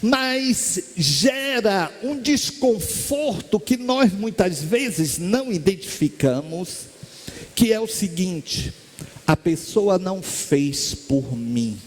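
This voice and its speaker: A Brazilian man with a high voice gives a spiritist talk from a stage. He tells stories in a lively way and acts out the voices of the people in them. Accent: Brazilian Portuguese. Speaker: spiritist lecturer. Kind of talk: storytelling lecture. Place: lecture hall stage.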